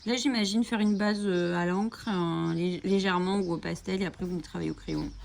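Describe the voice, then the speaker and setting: A woman's voice: lowish voice, fairly even intonation, normal speed, vocal fry, darkish tone, slight background noise. Chatty, enthusiastic woman vlogger. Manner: chatty and enthusiastic, with frequent fillers. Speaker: coloring channel host. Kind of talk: casual book flip-through. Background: bird chirping.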